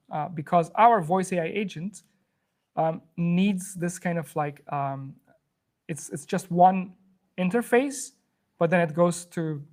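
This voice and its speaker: A man from Afghanistan runs a live coding workshop for an in-person audience in the room, his voice on the high side with a darkish tone. He's chatty and loose, peppering his talk with fillers and restarts.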